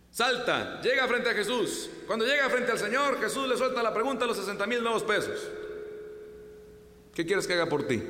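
A man preaching a humorous sermon, telling a story with jokes. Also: high-pitched. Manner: lively, joking storyteller. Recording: echoey hall.

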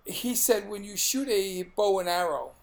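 A man's voice: high voice, expressive, unhurried, creaky. A middle-aged man with a Brooklyn accent, co-hosting a podcast in casual, blunt, jokey chat. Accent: Brooklyn, New York. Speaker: podcast co-host.

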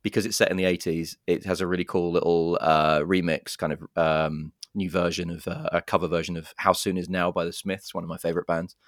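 A very low-pitched man talks through trailers in a relaxed podcast chat, cracking jokes as he goes. The sound is dry and close, with no room around it. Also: fairly quick, hardly any pauses, no room sound. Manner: chatty, jokey, reads out plot summaries. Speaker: podcast co-host. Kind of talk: casual film chat.

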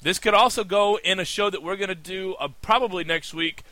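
Easygoing, bright-voiced man co-host. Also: high voice, fairly quick, no echo. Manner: easygoing, chatty, laughs often. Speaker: podcast co-host. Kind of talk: casual chat.

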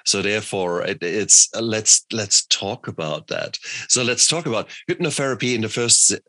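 Deep, bright-toned male podcast host. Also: expressive, normal speed, no room sound. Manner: frequent restarts and fillers. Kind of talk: casual interview.

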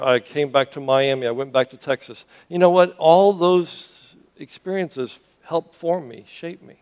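With a mid-range, darkish voice, this Cuban-raised pastor delivers a sermon in earnest, often starting words over and asking the congregation questions.

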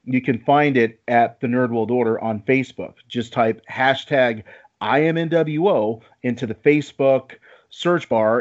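A man hosting a talk show, addressing listeners directly like an announcer. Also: mid-range voice. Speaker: podcast host. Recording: slightly dull, lo-fi podcast audio.

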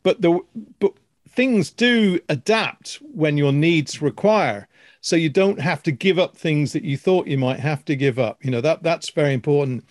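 An older man speaks in a slightly high voice, recorded close and dry without room sound. His casual talk is reassuring and a little hesitant, with repeated words. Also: lively intonation, moderate pace, dry recording. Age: older, with sons in their thirties and grandchildren. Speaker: editor and former media lecturer. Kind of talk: casual chat.

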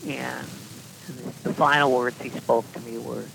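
A man, a podcast guest, telling long anecdotes in a deadpan style with dry asides and frequent restarts. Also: medium pitch, moderate pace, gravelly, very noisy. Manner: deadpan, self-correcting storyteller with dry asides. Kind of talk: casual anecdotal storytelling.

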